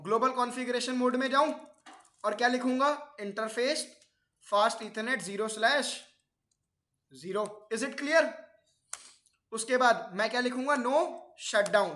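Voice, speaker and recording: A man's voice: very high-pitched, fairly bright tone. Quizzing male teacher in an echoey classroom. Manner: keeps quizzing the class with questions. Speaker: networking teacher. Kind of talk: classroom lecture.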